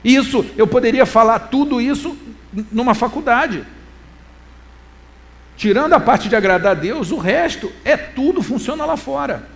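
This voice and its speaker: Animated Brazilian preacher man, high voice. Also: creaky. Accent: Brazilian Portuguese. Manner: animated, swings between loud emphasis and quiet asides; quotes scripture in a slow, deliberate reading voice. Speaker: preacher and lecturer. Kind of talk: church talk sermon.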